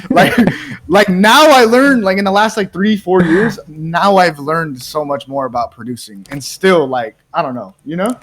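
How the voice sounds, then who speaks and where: A laid-back American man hosting a casual chat. His voice sits a little high for a man, and the talk rambles and loops, with "bro" and "like" in almost every sentence. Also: animated, moderate pace, a bit bright, a little hiss or hum. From United States. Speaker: podcast host and music producer.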